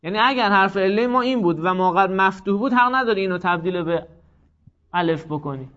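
A man's voice: high-pitched, fairly bright tone. A man teaching a grammar class, explaining patiently, repeating key points and putting questions to his students. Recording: dull lo-fi recording.

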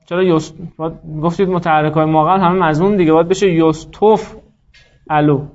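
A man teaching a grammar class in a notably high voice, walking through each rule step by step. He keeps turning to students with questions, calling on them by name. The recording is dull and lo-fi. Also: fairly even intonation, a little mellow. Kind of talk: classroom lecture.

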